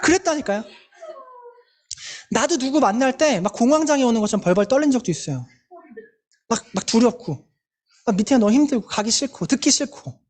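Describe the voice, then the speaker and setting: A woman's voice: fairly high pitch, animated, a little fast, pauses often, a little mellow. A woman leading a motivational group meeting, emphatic and fond of repeated rhetorical questions, candid about her own past struggles. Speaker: sales team leader.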